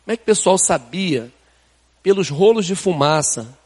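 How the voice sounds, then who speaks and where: An older Brazilian-accented pastor preaches in a chatty, down-to-earth way, tossing in rhetorical questions. His voice sits quite high for a man. The sound carries the long reverb of a church hall. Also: lively intonation, normal speed. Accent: Brazilian Portuguese. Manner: conversational preaching, rhetorical questions, colloquial asides. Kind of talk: sermon. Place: church sanctuary.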